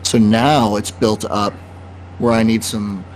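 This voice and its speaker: A man co-hosting a podcast, chatting in a relaxed, rambling way about his plans. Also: lowish voice, slow pace, slight background noise. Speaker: podcast co-host. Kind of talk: casual podcast chat.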